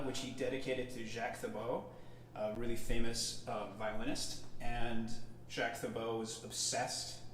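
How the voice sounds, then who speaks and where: A man talks with a heavy cave-like reverb on his voice, as if standing inside a cavern. He sits some distance from the mic, with a faint hiss underneath. He rambles in a relaxed, easygoing way, full of fillers, while hosting a casual stream. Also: medium pitch. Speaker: host and musician. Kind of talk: casual livestream chat.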